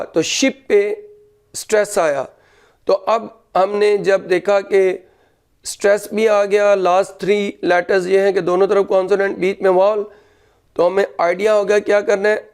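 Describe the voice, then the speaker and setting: A male English teacher, dictating grammar rules slowly and explaining them in Urdu, spelling words out letter by letter. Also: sits high, darkish tone, clean tone.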